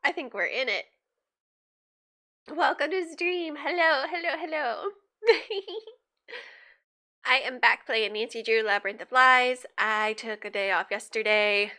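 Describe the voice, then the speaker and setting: Despite a stuffy nose and constant sniffles, this young streamer stays cheerful, laughing a lot and musing aloud during casual gaming chat. She speaks high and bright with force and lively intonation, a little slow, pausing often.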